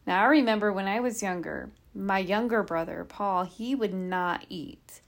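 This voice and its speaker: Working from notes, this woman tells a true crime story on her podcast in a conversational, informal style, dropping in asides and rhetorical questions. She speaks at normal speed in a creaky, medium-pitched voice.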